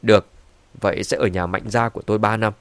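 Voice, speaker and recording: A stern, quick-to-anger old patriarch in an audiobook, as a male narrator puts him on. He speaks with commanding indignation. The sound is close and dry. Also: on the low side, steady tone, dry recording, lightly acted. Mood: indignant.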